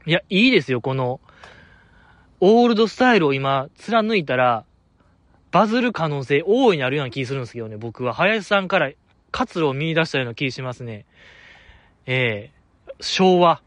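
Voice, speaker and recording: Lively Kansai man chatting on a podcast. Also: fairly high pitch, moderate pace, long pauses, no room sound. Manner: chatty, animated, laughs often, digresses. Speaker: podcast host. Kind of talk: casual solo podcast chat.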